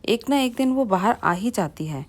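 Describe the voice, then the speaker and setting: A woman's voice: fairly high pitch, moderate pace. Woman narrating a moral family tale. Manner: plain, steady storytelling. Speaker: storyteller.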